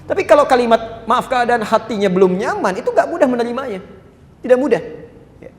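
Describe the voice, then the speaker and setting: A male preacher delivering a sermon to a congregation, animated and acting out quotes in different voices. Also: brisk. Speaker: Islamic preacher. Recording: echoey hall with long reverb, faint rumble.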